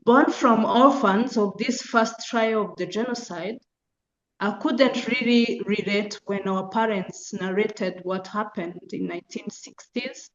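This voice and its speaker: Speaking in a public lecture at a university, this middle-aged woman from Eastern Rwanda, a genocide survivor and foundation deputy director, recounts her own experience. Her pitch is medium and her pace slow, with careful, halting, deliberate phrasing. Room echo muffles the audio, and a slight hiss or hum is audible.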